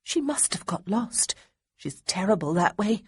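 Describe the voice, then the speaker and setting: A woman's voice: mid-range voice, sing-song, measured pace, breathy edge, dry recording, studio quality, heavily acted. A woman voicing an anxious young female cousin who fusses and gives firm orders. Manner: fretful, then firm and bossy.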